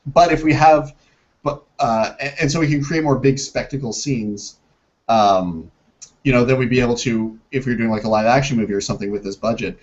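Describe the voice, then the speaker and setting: A man's voice: medium pitch, fairly quick. A man speaking as a filmmaker in an interview over a video call that sometimes breaks up, hesitating often and restarting his sentences. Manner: hesitant, many restarts and fillers. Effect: heard over a video call that breaks up. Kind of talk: interview conversation. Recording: muffled lo-fi video call audio.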